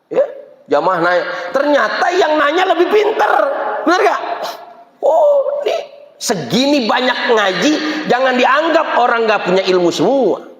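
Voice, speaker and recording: A man's voice: extremely high pitch, unhurried. A man preaching, joking and asking the crowd questions as he goes. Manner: lively and joking, asks the crowd "bener gak, Pak?". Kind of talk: mosque sermon. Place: mosque. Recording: echoey mosque hall.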